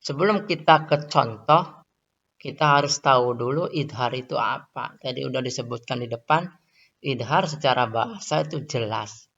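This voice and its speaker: A man teaching Quran recitation rules, explaining calmly and then chanting Arabic examples slowly, louder and higher. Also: highs cut off. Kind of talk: tajwid lesson with recited examples.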